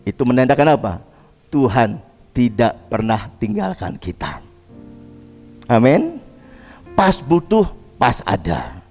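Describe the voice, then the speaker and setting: A man preaching a sermon as pastor, swinging between loud exclamations and hushed asides. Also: mid-range voice, sing-song, takes it slowly, pauses often. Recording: long church hall reverb with faint music.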